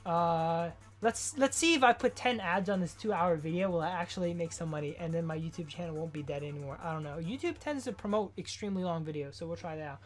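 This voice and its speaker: A woman's voice: on the low side, fast, hardly any pauses, faint music behind. A woman giving casual, rambling game commentary as a gaming video host, with slangy, offhand asides. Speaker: gaming YouTuber.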